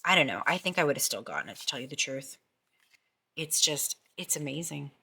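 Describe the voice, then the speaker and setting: A woman's voice: deep voice, big pitch swings, a little fast, pushed and bright, slightly rough. A middle-aged woman chatting casually about tarot decks, gushing and often repeating herself. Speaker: tarot vlogger. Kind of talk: casual chat.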